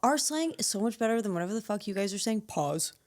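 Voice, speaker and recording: A woman's voice: medium pitch, lively intonation, quick pace, a little mellow. A woman in her thirties co-hosting a podcast, chatting casually and swearing freely. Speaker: podcast co-host. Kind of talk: casual chat.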